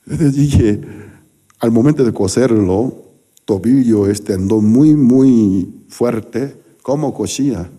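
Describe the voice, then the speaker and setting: A man's voice: medium pitch, takes it slowly, dark tone. A male pastor delivering a sermon, telling stories animatedly with acted-out quotes and sound effects.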